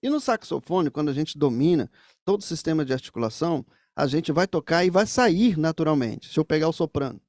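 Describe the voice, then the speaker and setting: A man's voice: on the high side, animated, fairly quick, a little mellow, dry recording, studio quality. A man teaching saxophone, explaining things straight to the viewers in a music lesson.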